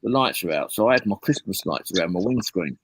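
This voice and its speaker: A man with a notably low, deep voice. He chats casually on a live stream, telling a long story in a blunt, profanity-heavy way. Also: expressive, fast, husky, no echo, rough recording. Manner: heavy swearing, blunt rambling anecdote.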